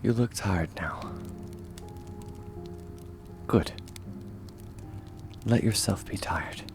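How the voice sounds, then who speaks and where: Man voicing Kyojuro Rengoku, deep, slow, gentle warrior. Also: music in the background, full character voice. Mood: soothing, earnest. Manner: gentle, reassuring, measured, often hushed to a whisper. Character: kind, steadfast young warrior man comforting a weary companion. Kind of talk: ASMR comfort roleplay.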